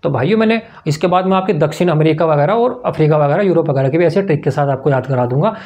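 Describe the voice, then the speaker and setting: A man's voice: fairly high pitch, quick pace, darkish tone. A man teaching memory tricks in a lesson, asking questions and answering them himself in a sing-song way. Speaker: exam-prep teacher. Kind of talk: mnemonic lesson to camera.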